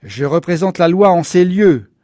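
A man's voice: sits high, lively intonation, moderate pace, mellow, dry recording. A man voicing a stern lawman father. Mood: firm. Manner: firm, commanding. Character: stern small-town lawman father, firm and defiant.

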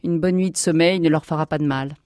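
A woman voicing an excitable middle-aged male space captain who stammers and exclaims in a breathless rush. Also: low-pitched, quick pace, dry recording, studio quality, close to an everyday voice. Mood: flustered.

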